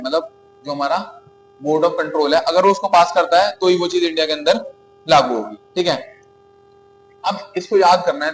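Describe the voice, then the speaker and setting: Indian man teaching a class, voice pitched high. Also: a little hiss or hum, low-quality recording. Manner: asks the class questions and answers them himself; repeats points and often checks in with "okay?". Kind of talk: classroom lecture.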